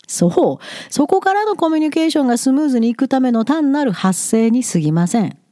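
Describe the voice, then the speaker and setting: A frank woman gives blunt, lightly teasing advice in a casual monologue. Her fairly high voice swings up and down with plenty of life. The sound is close and dry, with no room around it. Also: big pitch swings, a little fast, warm tone, no echo. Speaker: study-abroad commentator.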